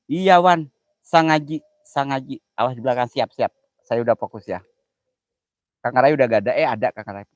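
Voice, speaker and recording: A man's voice: medium pitch, moderate pace, pauses often, no room sound. A man streaming live, chatting casually, thanking viewers by name, joking about being scared and crooning his words. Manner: jokey, easily spooked, drawls and croons phrases. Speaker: live-streaming content creator.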